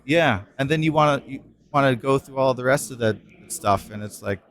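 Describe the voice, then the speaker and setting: A man's voice: medium pitch, moderate pace, fairly bright tone. A man co-hosting a casual podcast, talking loosely with many fillers and restarts. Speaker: podcast co-host.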